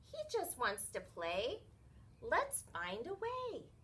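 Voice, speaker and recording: A woman's voice: high voice, huge pitch swings, slow, sharp tone, pitched above the performer's own voice, heavily acted. A woman voicing an eager, big-hearted young boy shark in a storybook read-aloud. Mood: eager, kind.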